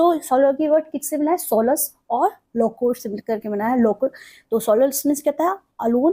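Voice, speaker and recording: A woman teacher giving a vocabulary lesson, slowly spelling out English words and repeating them, asking a question and then answering it herself. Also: fairly high pitch, dark tone.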